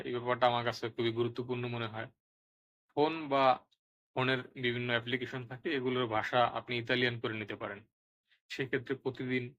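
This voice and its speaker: A man teaching Italian vocabulary, saying each word twice, loudly and deliberately, so listeners can repeat after him. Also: medium pitch, lo-fi sound. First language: Bengali.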